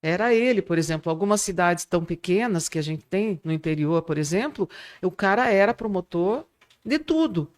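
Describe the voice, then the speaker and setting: A middle-aged woman with a Brazilian accent, a public speaking teacher telling lively stories in an interview. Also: fairly low pitch, moderate pace. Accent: Brazilian Portuguese. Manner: animated storyteller, acts out quoted students. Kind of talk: interview answers, storytelling.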